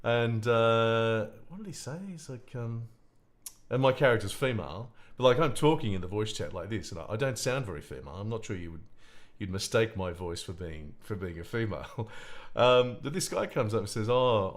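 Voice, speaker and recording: A man with a deep voice telling a personal anecdote in casual conversation, in a halting way with many restarts. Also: lively intonation. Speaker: game design researcher.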